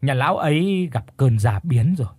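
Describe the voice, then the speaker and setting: A man voicing a somber old village uncle, a fisherman who speaks in a deep, hoarse, grave voice. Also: animated, normal speed, darkish tone, no echo.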